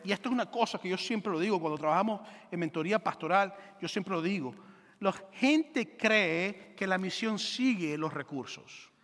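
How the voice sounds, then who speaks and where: A man preaching a sermon as pastor, animated and joking, acting out quick voices for biblical characters. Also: high voice, long reverb tail.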